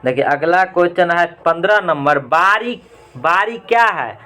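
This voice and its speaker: A man's voice: high-pitched, expressive, unhurried, bright, forceful tone, faint music behind. A man teaching in who reads out exam questions one by one, gives the correct option, then asks and answers his own questions to repeat it. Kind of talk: reading out and explaining exam answers.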